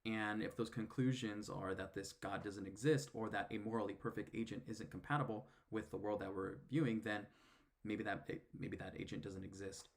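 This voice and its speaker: A man with a daughter, responding in casual commentary, halting often with fillers and restarts. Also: on the low side, fairly even intonation, creaky. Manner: hesitant, many fillers and restarts. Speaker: video commentator.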